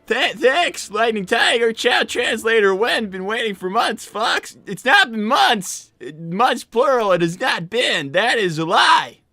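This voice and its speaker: A heavily acted, sing-song performance in a mid-range, sharp-toned voice comes at a measured pace with few pauses and no echo. The live show's host plays a flustered, puzzled young fox boy from a cartoon, stammering and repeating himself during a game stream.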